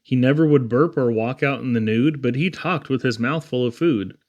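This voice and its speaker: A man reads humorous children's poetry aloud, theatrical, rhythmic and expressive. His voice sits in the mid-range at a moderate pace, and the highs are cut off.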